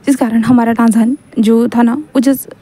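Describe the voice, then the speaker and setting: A woman's voice: a little high, steady tone, measured pace, mellow. A woman casually retelling a romance story, talking in a chatty, repetitive way with many restarts. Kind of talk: casual retelling of a fan-fiction story, voicing the characters' lines.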